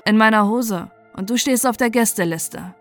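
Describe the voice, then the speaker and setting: A woman's voice: fairly high pitch, normal speed, faint music behind, close to an everyday voice. Woman reading as a bullying teenage boy. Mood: leering. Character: menacing teenage boy, crude and threatening.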